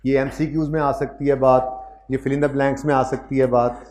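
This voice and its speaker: A man teaching accounting in a live classroom. He is stern with his students, repeats key points, and reads textbook lines slowly, word by word. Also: mid-range voice, level tone, a little mellow.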